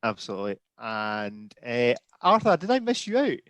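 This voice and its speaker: A man hosting a live video chat, introducing guests one by one in a jokey, brisk way over a video call. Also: medium pitch, very animated, a bit bright, clear, resonant tone, no echo. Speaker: host.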